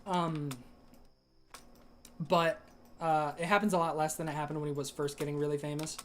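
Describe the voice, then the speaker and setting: Rambling casually while streaming a game, this young man speaks at a moderate pace in a fairly high, level voice, his throat dry. He keeps restarting and dropping fillers as ideas drift by, and a faint hiss or hum sits under the relaxed stream chat.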